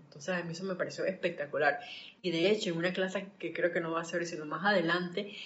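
A Panamanian woman with a lowish, fairly even voice talks fast as she leads a live-streamed spiritual study class, and the sound is lo-fi. Chatty and warm, she greets viewers and drifts off into anecdotes.

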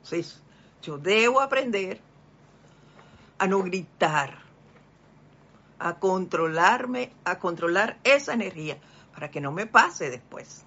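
Older spiritual teacher, unhurried, bright tense voice, muffled lo-fi recording. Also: medium pitch, animated. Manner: slow, deliberate, stretches key words. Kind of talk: spiritual lesson, reading a text aloud and commenting. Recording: dull lo-fi recording.

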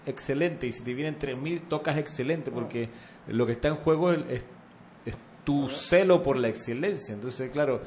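A man's voice: mid-range voice, normal speed, a little mellow. A man in a casual conversation, telling a short story and reflecting on it. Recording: slightly dull audio with faint noise.

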